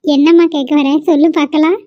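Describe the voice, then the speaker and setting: A woman doing a teasing, high-voiced nosy aunt. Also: fairly even intonation, fast, dry recording, muffled recording, lightly acted. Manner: playful, prying. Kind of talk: cartoon voice acting.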